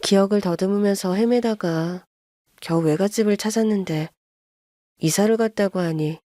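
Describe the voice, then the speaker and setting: A woman telling a drama story in scripted narration with a calm, even manner. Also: medium pitch, moderate pace, no echo, studio quality.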